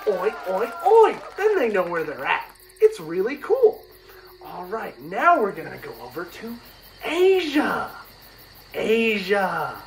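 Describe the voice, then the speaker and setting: A woman teaching a lesson for young children, slowly repeating each key word in a sing-song way. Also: lowish voice, far from the mic, noisy background. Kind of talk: educational lesson for young kids. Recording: music playing behind the voice.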